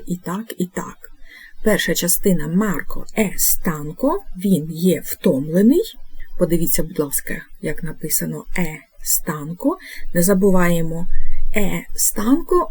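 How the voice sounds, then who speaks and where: A woman teaching an Italian lesson, explaining patiently and repeating each form slowly. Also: mid-range voice, dark tone, breathy edge. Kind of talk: instructional video lesson.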